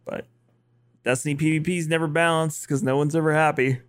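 Podcast dude chatting about games, rambly, laughs a lot, dry close mic. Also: male voice, a little high, fairly even intonation, fairly quick, clear, resonant tone, dry recording. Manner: rambling, many restarts, laughs often. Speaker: podcast co-host. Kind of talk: casual chat.

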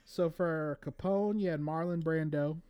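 A man co-hosting a casual podcast, reading movie trivia from his notes in a relaxed way with fillers. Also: on the high side, a little slow, smooth, lo-fi sound. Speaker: podcast co-host.

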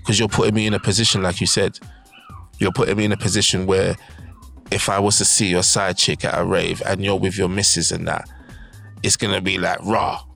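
Deep-voiced London roadman, casual podcast chat. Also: little pitch movement, brisk, gravelly, fairly bright tone, soft background music. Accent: London roadman, Multicultural London English. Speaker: podcast host.

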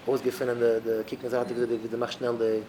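Emphatic rabbi preaching over background noise. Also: male voice, medium pitch, completely flat delivery, fast. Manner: emphatic, voice swelling loud on key words. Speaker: rabbi giving a talk to young married men.

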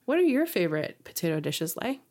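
A woman's voice: lowish voice, big pitch swings, fairly quick, darkish tone. A woman co-hosting a podcast, narrating food history from a script with enthusiasm and lingering over ingredient lists. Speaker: podcast co-host.

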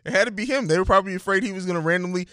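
A man's voice: high-pitched, very fast, a bit bright, no echo. Laid-back man saying bro, dry sound. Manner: laid-back, profane, calls his co-host bro. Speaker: podcast co-host. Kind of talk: casual film chat.

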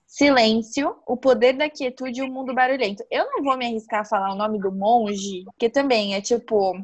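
A woman chatting casually on a podcast, telling an animated, slangy story. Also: fairly high pitch, moderate pace. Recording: slightly dull, muffled sound.

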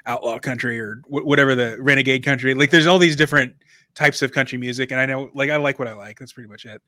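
A man's voice: mid-range voice, fairly even intonation, fast talker, bright, forceful tone, no room sound. A man co-hosting a podcast, talking in a rambling, chatty way, often restarting and correcting himself. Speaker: podcast co-host. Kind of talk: casual conversational podcast chat.

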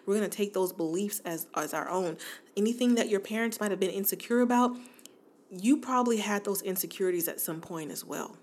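A woman in her forties hosts a podcast, talking directly to her listeners in a casual, chatty monologue and laughing often. Her mid-range voice is a little mellow and her pace is brisk.

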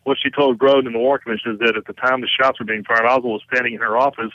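Male interview guest, quick and forceful, emphatic conversational delivery in a dry setting. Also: mid-range voice, fairly even intonation, no room sound, low-quality recording. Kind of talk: conversational explanation of a case.

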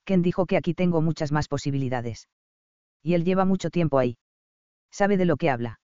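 Man voicing a homesick young woman doctor, smooth clear voice, audiobook read. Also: on the high side, a little fast, mellow, no echo, muffled recording, close to an everyday voice. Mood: unsure.

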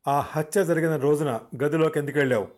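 A man's voice: on the high side, brisk, natural voice. A shrewd male investigation officer in a spoken story, voiced by the narrator, direct and commanding as he questions and warns. his voice sits a little above the narrator's own. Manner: direct, warning.

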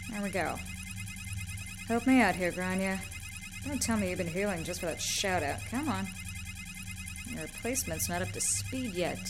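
An actress playing a wry, confident ship's medic in an audio drama, with a dry, teasing manner. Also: female voice, medium pitch, lightly acted.

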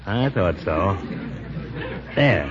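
An actor playing a genial, reassuring dentist in 1940s radio acting. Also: male voice, low-pitched, lively intonation, drawn-out words, a faint crowd, full character voice. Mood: soothing. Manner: jovial, soothing. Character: genial, reassuring middle-aged male dentist. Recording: dull old broadcast with studio audience and hiss.

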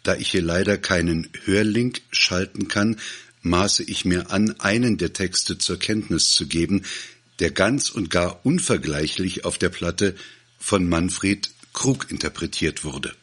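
A man reading a satirical short story aloud in a dramatic, expressive way. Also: deep voice, unhurried, husky. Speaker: narrator.

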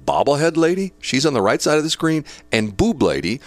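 A man's voice: a little high, big pitch swings, fairly quick, no room sound. A man hosting a talk show, reading news quotes aloud with chatty, opinionated asides and laughter between points. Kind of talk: casual talk radio commentary.

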